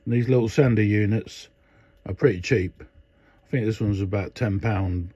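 In dull, dry lo-fi phone audio with no room sound, an older man casually demonstrates a radio modification at an indoor workbench. His voice is on the low side, warm and husky, at normal speed. He rambles, with many fillers and restarts.

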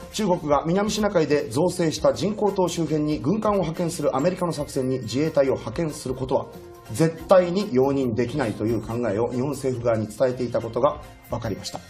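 Measured male host with faint music. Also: mid-range voice, darkish tone. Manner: measured, attentive, reads news formally. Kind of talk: news reading and discussion.

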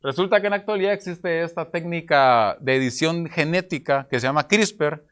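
A young Guatemalan man's fairly high voice comes through clear and resonant, a touch bright, at a normal speed. Speaking with a Guatemalan Spanish accent into a table microphone, he explains his material to an academic conference panel and asks rhetorical questions. The setting is a conference room with projector slides.

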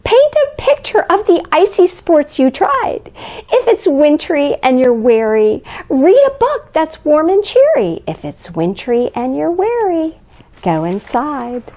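A woman's voice: high-pitched, very animated, slow, dark tone, heavily acted. A woman playing a cheerful, grandmotherly Mrs. Claus, reading a picture book aloud to young children in an exaggerated, sing-song way. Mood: playful, soothing. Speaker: children's storyteller. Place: living room by a fireplace, indoors.

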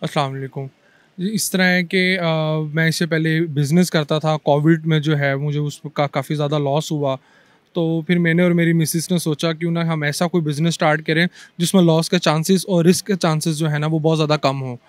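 Earnest young cart owner, higher voice. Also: male voice, steady tone, brisk, dry recording. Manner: earnest, explaining, mixes English words. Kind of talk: street interview answers. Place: busy city street outdoors. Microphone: handheld mic held by interviewer.

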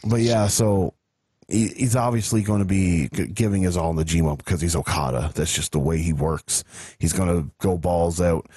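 Man, podcast host, blunt profane casual chat, very low husky voice, dry sound. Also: steady tone, normal speed, warm tone, dry recording.

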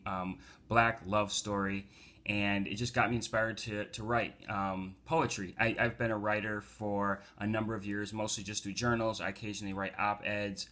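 A man's voice: lowish voice, pushed and bright. A man, a community organizer and poet from the United States, talking casually with fillers before reading his poems aloud from home. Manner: loose talk with fillers, rising to emphatic poetry recital. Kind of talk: casual talk and poetry reading.

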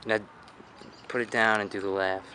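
A man directing an amateur outdoor film shoot, giving bossy, quick instructions. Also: fairly low pitch, level tone. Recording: loud outdoor noise.

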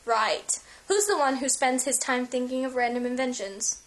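A woman's voice: high voice, moderate pace. A young woman chatting casually and teasingly into a handheld camera at home late at night. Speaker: video blogger. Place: at home, indoors. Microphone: handheld camera mic.

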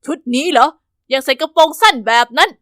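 A woman voicing a middle-aged father in an animated story, speaking low, soft and coaxing. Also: fast, no echo, studio quality, close to an everyday voice. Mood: scolding. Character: loving then controlling middle-aged father.

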